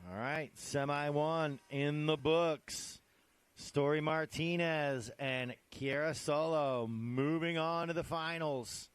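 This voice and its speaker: Casting: male surf co-commentator, resonant clean voice, unhurried live calls. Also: a little high, fairly even intonation, smooth, no echo.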